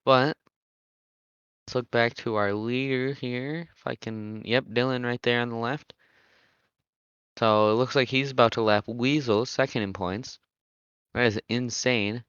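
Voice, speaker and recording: A young man giving casual, chatty commentary on an online motocross race, relaxed and laughing often as he thinks aloud. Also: medium pitch, a little slow, long pauses, clear, resonant tone, no echo, dull audio. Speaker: race commentator and server admin.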